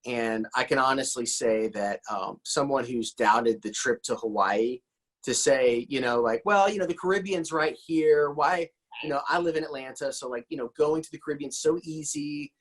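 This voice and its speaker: A man hosts a casual interview, sounding encouraging and enthusiastic as he rambles conversationally and often repeats his words. His mid-range voice moves at normal speed and has a slightly bright quality.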